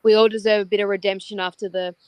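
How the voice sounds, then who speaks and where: A woman's voice: mid-range voice, level tone, very fast, clean tone, no room sound, rough recording. Chatty Australian woman on a footy podcast. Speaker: guest. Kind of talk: casual footy chat.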